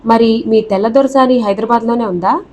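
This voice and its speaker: A woman voicing a sharp-tongued young bride in a storybook reading, sarcastic and defiant. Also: on the high side, brisk, lightly acted.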